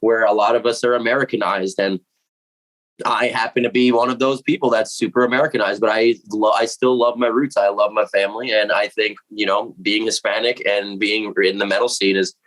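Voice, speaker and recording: A Puerto Rican man in his late twenties, a metal vocalist being interviewed, chats casually and animatedly to camera from a room at home with cats around. His voice is lowish, fairly bright and fairly quick, with fairly even intonation, and he's full of slang and mild swearing as he acts out his own reactions. The recording is rough.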